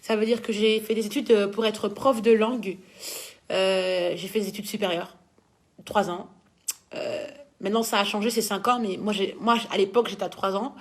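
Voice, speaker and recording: In a mid-range voice that stays steady, a young Belgian woman who dances answers viewers' questions in a casual chat, reading each one aloud first. She has a Belgian French accent and speaks at normal speed.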